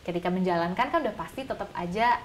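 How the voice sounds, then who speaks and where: A woman's voice: on the low side, quick pace, a little hiss or hum. A woman in her thirties, a psychologist, explaining parenting earnestly in a casual discussion. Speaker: psychologist guest.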